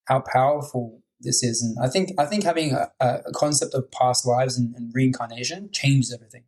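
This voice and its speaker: A man's voice: medium pitch, brisk, darkish tone, low-quality recording. A man hosting a podcast, chatting enthusiastically and filling his sentences with "like". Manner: enthusiastic, many fillers like "like". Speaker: podcast host. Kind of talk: casual podcast conversation.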